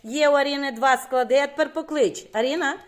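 A woman teaching a classroom of young children, questioning quickly and praising often. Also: high-pitched. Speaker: primary school teacher.

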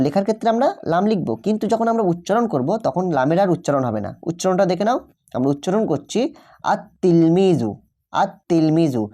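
A woman's voice: low-pitched, dark tone. A woman teaching an Arabic grammar lesson, patiently repeating example words and checking understanding with frequent "okay?".

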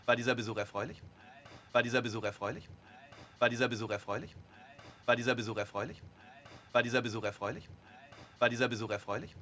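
An actor playing a uniformed officer who leads a guessing game at a table, giving playful instructions in a film scene. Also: male voice, mid-range voice, steady tone, quick pace, long pauses, pushed and bright, lightly acted. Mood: quizzing. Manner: instructing, playful, laughs often. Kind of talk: film dialogue.

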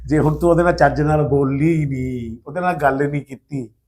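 An actor plays a household head in a family drama, placating and mediating. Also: male voice, a little high, fairly quick, a little mellow, natural voice. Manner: placating, talks in a persuasive, mediating way. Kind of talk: Punjabi family drama acting.

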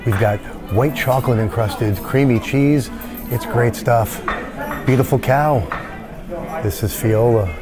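A food vlogger in his fifties films himself on a phone held at arm's length while eating in an indoor fine-dining restaurant. His mid-range voice is unhurried, music plays behind him, and he chats enthusiastically, joking about each dish.

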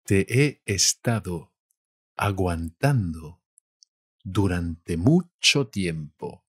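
Slow Spanish teacher from Spain. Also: male voice, sits low, slightly rough, no echo, clean studio sound. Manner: slow, repeats each word twice. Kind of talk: vocabulary lesson.

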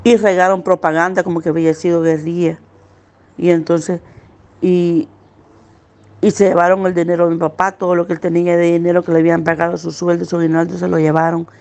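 A middle-aged woman gives earnest, pained personal testimony as a witness, slowing down at the hardest parts. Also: fairly low pitch, little pitch movement, mellow. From El Salvador. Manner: earnest, pained recounting, slowing at hard moments.

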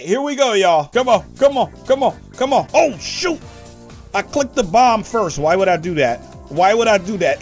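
Excitable high-voiced young man gaming. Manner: excitable, joking, addresses viewers. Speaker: gaming channel host. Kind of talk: casual gameplay commentary.

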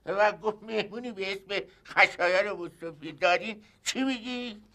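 A fussy, sighing old hotel guest. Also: male voice, high-pitched, sharp tone. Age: older. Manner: sighing and complaining. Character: fretful elderly male hotel guest, sickly and fussy. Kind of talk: sitcom acting.

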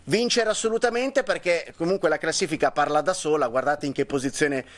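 A man arguing as a partisan football pundit in a live studio debate, animated and argumentative. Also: fairly high pitch, brisk.

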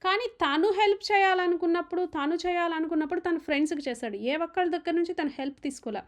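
A woman giving an opinionated, emphatic recap of a reality show argument. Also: extremely high pitch. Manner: fast, animated, emphatic, retelling arguments.

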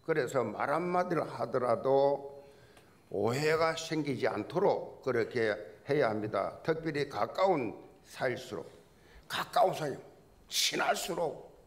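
A man's voice: mid-range voice, lively intonation, a little slow. A man preaching a sermon as pastor, telling jokes and folksy stories and repeating key words for emphasis. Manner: folksy, joking storyteller.

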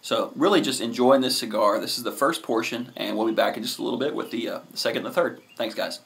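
Man, thirties, medium pitch, casual video review, relaxed, pausing often, camera at arm's length. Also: creaky. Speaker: cigar reviewer, host.

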